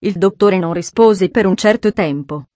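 A woman narrating an audiobook in a measured, expressive storytelling voice. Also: mid-range voice, dry recording.

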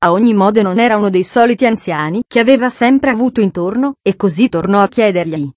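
A woman narrating a children's novel in a calm, measured storytelling voice. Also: mid-range voice, no room sound. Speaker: audiobook narrator. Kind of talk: scripted narration.

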